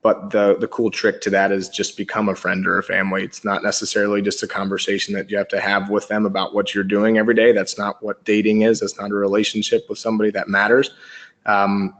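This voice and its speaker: A man walks listeners through a marketing webinar in a low voice. He speaks evenly and flatly, with frequent ums and uhs as he explains. His tone is that of a company presenter. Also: quick pace.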